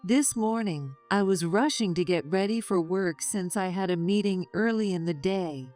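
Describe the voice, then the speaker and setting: A middle-aged woman calmly narrating a first-person story in a measured, confessional way. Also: medium pitch. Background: faint music.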